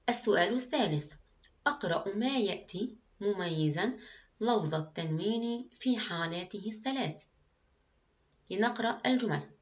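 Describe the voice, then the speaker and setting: Lady teacher talking to little kids, slow and clear, lots of praise, kinda dull lo-fi sound. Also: mid-range voice. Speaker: primary school Arabic teacher. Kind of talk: recorded classroom lesson.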